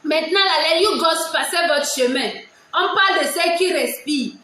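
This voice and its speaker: A woman with a Togolese French accent, talking loudly and emphatically to her viewers in casual commentary, often repeating herself. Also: very high voice, normal speed. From Togo. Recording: very echoey room.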